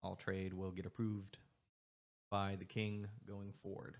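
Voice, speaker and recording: A man voicing a gruff, stern older male war leader making a formal, measured speech. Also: low-pitched, monotone.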